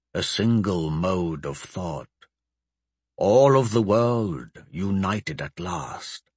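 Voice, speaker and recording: A man voicing an ancient male lich, a cold and grandiose undead sorcerer who speaks in a slow, measured, commanding way. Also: a bass voice, fairly bright tone, slightly rough, dry recording, pitched below the performer's own voice, heavily acted. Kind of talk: audiobook character voice.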